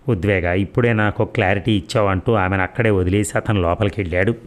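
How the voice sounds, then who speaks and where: A man reads a serial audio story aloud in a fairly low voice. He carries every character's dialogue in the same steady narrating tone.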